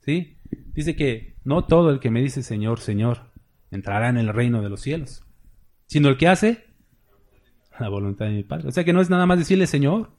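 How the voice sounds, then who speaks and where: A man's voice: medium pitch, animated, moderate pace, pauses often, darkish tone. A man preaching a sermon as a pastor. He talks in a conversational way and keeps checking in with the congregation with short tag questions. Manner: conversational preaching, tags points with "¿verdad?" and "¿sí?".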